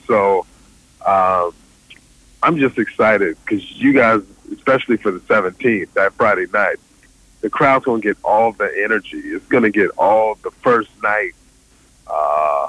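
A man, a stand-up comedian guest, joking with deadpan delivery and lots of fillers. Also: lowish voice, breathy edge, no echo, rough recording. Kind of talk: joking interview banter.

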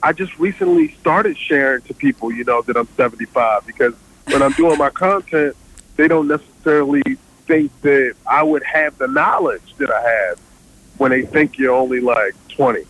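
A man, a stand-up comedian guest, joking with deadpan delivery and lots of fillers. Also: medium pitch, moderate pace, husky, low-quality recording. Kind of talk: joking interview banter.

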